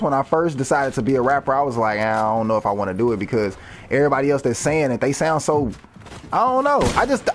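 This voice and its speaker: Animated man rambling over gameplay. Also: on the high side, a little hiss or hum. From United States. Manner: rambling, animated, swears freely. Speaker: rapper and gaming streamer. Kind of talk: casual gameplay commentary.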